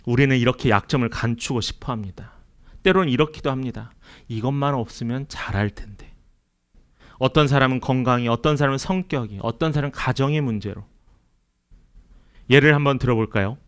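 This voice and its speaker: A man's voice: medium pitch, brisk. A man preaching a Sunday sermon as pastor, earnest, asking his congregation questions and acting out quoted lines. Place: church sanctuary.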